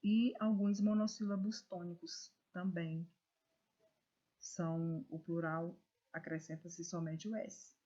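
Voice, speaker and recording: A Brazilian woman teaching a recorded class for children. Her voice is mellow and a little husky, and she reads words slowly, leaning hard on the stressed syllable. The sound is dull and lo-fi. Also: lowish voice, flat delivery. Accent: Brazilian Portuguese. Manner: slow, careful, stresses syllables when reading words aloud. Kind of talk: recorded video lesson for children.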